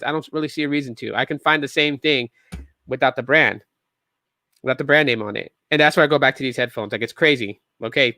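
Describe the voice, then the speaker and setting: Bright, rambling tech podcast guy. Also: high-pitched, dry recording. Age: 30s. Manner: rambling, animated, sarcastic asides with many restarts. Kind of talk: casual solo tech chat.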